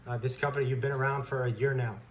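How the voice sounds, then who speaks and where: A stock trader hosting market commentary goes on an unscripted, blunt, indignant rant in informal language. His mid-range voice is steady in tone and he talks fast. The recording is clear, with background noise.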